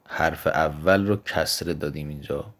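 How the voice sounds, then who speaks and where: Male grammar teacher, very low voice, patient and methodical, poses questions then answers them. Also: a bit bright. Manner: patient, explanatory, asks and answers his own questions; slows down to spell out example words. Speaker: teacher of Arabic morphology. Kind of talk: recorded grammar lesson.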